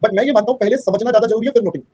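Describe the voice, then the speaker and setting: A man's voice: high voice, racing, dark tone, slightly rough, muffled recording. A man teaching an online class in a mix of Hindi and English. He keeps checking that the students understand and calls them "beta".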